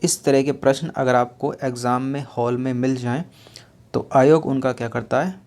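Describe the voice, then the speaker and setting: Man, exam-prep teacher, level even delivery, patient explaining, repeats answers, rhetorical questions. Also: medium pitch, normal speed. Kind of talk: exam-prep lesson going through spelling questions.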